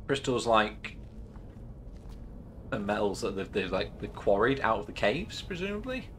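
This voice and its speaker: A man's voice: on the low side, a little slow, a bit bright, a little hiss or hum. A man casually commenting while playing a game, chatty and swearing as he thinks aloud. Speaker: streamer.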